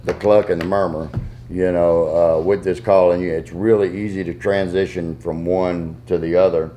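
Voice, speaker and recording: A man's voice: sits low, flat delivery, moderate pace, mellow, a little hiss or hum. A man with a Southern US accent giving a casual hands-on tutorial in a folksy, step-by-step way. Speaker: goose call maker giving a tuning demonstration.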